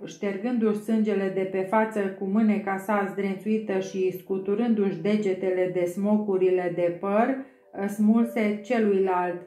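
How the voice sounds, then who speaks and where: A woman narrating an audiobook in a steady storytelling manner. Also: mid-range voice. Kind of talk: scripted narration. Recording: roomy echo, faint music.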